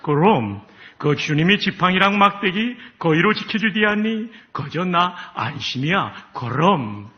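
A man voicing a plain-spoken northern village man with a Pyongan accent, speaking slowly and emphatically. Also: high voice, animated, muffled recording, pitched above the performer's own voice. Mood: earnest. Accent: Pyongan dialect. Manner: slow, emphatic, questioning rustic delivery.

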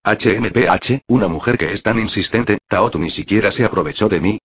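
A man's voice: lowish voice, fairly quick, husky. Sulky clingy young woman, read by a man. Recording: dull lo-fi recording.

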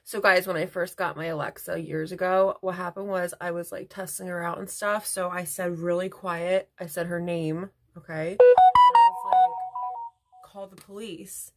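A woman's voice: lowish voice, level tone, measured pace, faint music behind. A woman beauty vlogger chatting casually at home while doing her makeup, rambling into asides. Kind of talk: casual get-ready-with-me chat.

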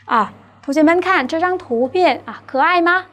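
High voiced vietnamese woman teacher going through new words, keeps checking her students follow. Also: a little slow, a bit bright. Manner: patient, asks rhetorical checks to students. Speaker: Chinese teacher. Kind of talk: classroom vocabulary lesson.

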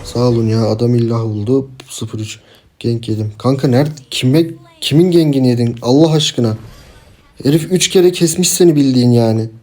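A man's voice: mid-range voice, normal speed, mellow. A young man giving casual, chatty commentary while playing a game, sometimes breaking into frustrated outbursts and talking to his teammates. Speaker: gameplay streamer. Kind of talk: casual live gameplay commentary.

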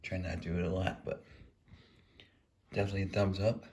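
A man casually reviewing a frozen meal while eating, rambling in a relaxed way. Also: low-pitched, fairly quick. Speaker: food reviewer. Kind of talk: casual food review vlog.

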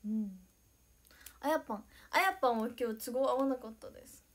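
Young woman, high bright voice, bubbly livestream chatter, giggly, reads out viewer comments. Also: a little fast. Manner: excitable, giggly, thanks viewers by name. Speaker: idol livestreamer. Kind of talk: casual livestream chat reading viewer comments.

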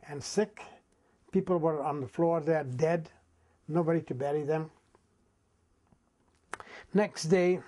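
A man in his eighties from Czechoslovakia, a non-native English speaker, telling his wartime memories in a vivid, unhurried way with dramatic pauses. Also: fairly high pitch, a little mellow. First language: not English. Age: 80s. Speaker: interviewee recounting wartime memories. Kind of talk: oral history storytelling.

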